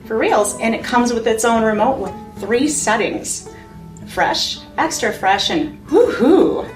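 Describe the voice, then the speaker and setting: A woman's voice: a little high, animated, takes it slowly, soft background music. A woman playing a breezy, reassuring friend in a comedy sketch, casual and teasing. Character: breezy, reassuring female friend pushing a gadget. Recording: echoey room, distant mic.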